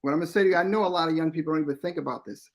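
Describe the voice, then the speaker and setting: A man's voice: fairly high pitch, very fast. Earnest man in his fifties. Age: 50s. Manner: earnest and explanatory, repeating key points for emphasis. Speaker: radio show guest. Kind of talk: casual radio talk-show chat.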